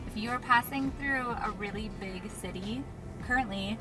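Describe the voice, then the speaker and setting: A woman's voice: mid-range voice, moderate pace. A woman from the United States chatting casually as a travel vlogger. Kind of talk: casual travel vlog chat. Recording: distant mic, music, vehicle vlog audio.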